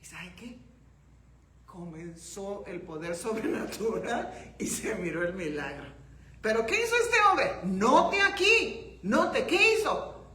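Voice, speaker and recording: A woman pastor preaching a sermon, asking her congregation questions and breaking into shouts. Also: mid-range voice, big pitch swings, slow. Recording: roomy echo.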